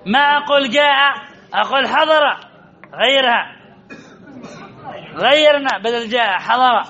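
A man with a very high-pitched, bright, forceful voice teaches a grammar class, drilling points repeatedly and calling on students by name with teasing remarks. He speaks a little slowly, with some chatter behind him in a dull lo-fi recording.

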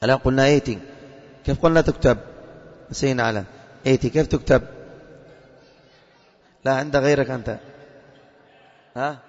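A man's voice: mid-range voice, fairly even intonation, a little fast, pauses often. Man quizzing students in echoey classroom. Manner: quizzing, calls on students, repeats answers. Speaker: religious teacher. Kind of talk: classroom lesson with questions to students. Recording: long reverb, dull lo-fi.

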